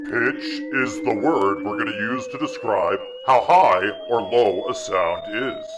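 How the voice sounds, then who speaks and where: A man's voice: lowish voice, animated, slow, very noisy. A man giving a scripted lesson narration in a plain, explanatory way. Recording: voice-over with loud music and echo.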